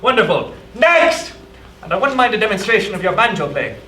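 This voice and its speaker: A man's voice: sits high, lively intonation, bright, forceful tone. A man playing a jolly, bossy explorer captain. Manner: brisk, bossy, chuckling. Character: brisk jolly male polar explorer captain. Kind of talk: staged reading of a musical. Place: performance hall. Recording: echoey hall, far from mic, music.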